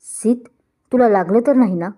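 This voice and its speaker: A woman's voice: fairly high pitch, moderate pace, dark tone, lightly acted. A woman voicing a hurt young bride in a storybook reading, speaking in an emotional, pleading voice.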